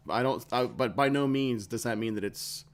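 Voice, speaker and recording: A man's voice: medium pitch, moderate pace. A man co-hosting a gaming podcast, rambling through long tangents and peppering his speech with "like". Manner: rambling, heavy use of "like". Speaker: podcast co-host, game master. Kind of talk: casual podcast chat.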